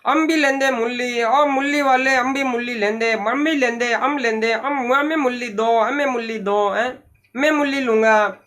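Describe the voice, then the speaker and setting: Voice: medium pitch, steady tone, moderate pace, a bit bright, natural voice. A crowd of small children clamoring for toys, voiced by a teacher reading a story. They chant the same words over and over in lisping baby talk.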